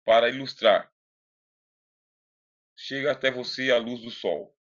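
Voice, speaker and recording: A man's voice: mid-range voice, fairly even intonation, unhurried, fairly bright tone. A man with a Brazilian accent giving an informal philosophy lecture in a conversational, didactic way, putting questions to the listener, close to the microphone. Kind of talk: informal recorded lecture with read-aloud passages. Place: closed room indoors. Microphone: close Bluetooth microphone. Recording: slightly dull, lo-fi computer audio.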